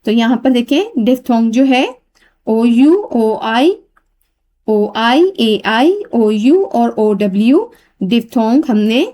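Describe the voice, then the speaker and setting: A woman's voice: fairly high pitch, dark tone. A woman teacher explaining an English workbook exercise, spelling each word letter by letter and translating it. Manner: spells words letter by letter, then repeats and translates them.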